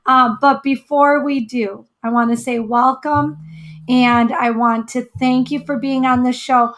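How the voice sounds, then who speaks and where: A woman speaks in a high-pitched voice as the host of a show. Her delivery is chatty and conversational, suited to introducing and questioning a guest. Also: steady tone, unhurried, a bit bright. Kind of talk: chatty interview hosting.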